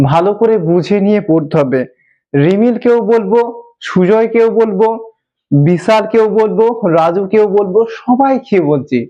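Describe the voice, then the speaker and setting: A man with a notably high voice gives a patient classroom lesson. He repeats each word several times and spells it out slowly, letter by letter, for his students. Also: dark tone, dull audio. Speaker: English teacher. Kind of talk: classroom lesson explaining pronunciation.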